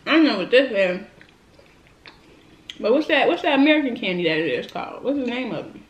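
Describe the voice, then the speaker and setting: A woman's voice: on the high side, big pitch swings, a little fast, dull audio. A young woman chatting casually to viewers while chewing, with blunt slang. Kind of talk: casual snack tasting vlog. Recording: echoey room with faint noise.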